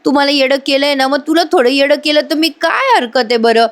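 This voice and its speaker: Scheming young woman read by a woman, flustered, jumbled English phrases, highish pitch. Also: brisk. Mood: teasing.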